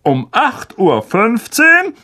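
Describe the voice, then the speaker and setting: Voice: mid-range voice, huge pitch swings, takes it slowly, sharp tone, full character voice. Vernon: a pompous bossy uncle, as a reader plays him. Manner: self-important, commanding.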